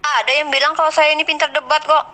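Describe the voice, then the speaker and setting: A young woman in a heated religious debate, speaking in a high, bright voice. She teases and mocks her opponent and keeps repeating the same words. Her tone stays pointed and combative. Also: steady tone, fast, rough recording. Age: young adult. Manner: teasing, repeats "Pak" mockingly.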